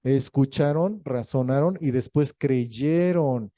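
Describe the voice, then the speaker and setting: A male pastor, preaching a sermon in a lively, joking storytelling manner. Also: medium pitch, slow pace, no echo. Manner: lively storytelling, acting out quoted voices; jokey, laughs between points.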